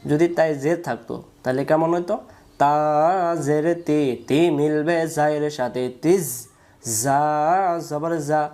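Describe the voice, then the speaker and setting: Slow, patient male Quran reading teacher. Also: on the high side, steady tone, warm tone. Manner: patient, repeats each syllable many times. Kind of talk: slow spelling drill lesson.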